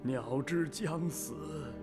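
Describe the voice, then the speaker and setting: A man's voice: a little high, very slow, over music. A man playing a dying, loyal old general in a historical drama, pleading humbly with his emperor in a weak voice that slips into whispers. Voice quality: husky, weak, breaking into whispers. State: frail and dying.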